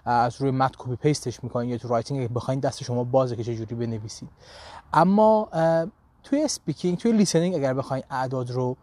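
A man's voice: medium pitch, dark tone, dry recording. A man teaching a live online language lesson, with a Persian accent in his English, talking animatedly and checking in with his students often.

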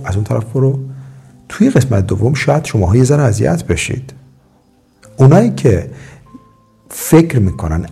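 A man's voice: mid-range voice, creaky, mellow, slightly rough. A man teaching an English course, lecturing emphatically and slipping English phrases into his talk.

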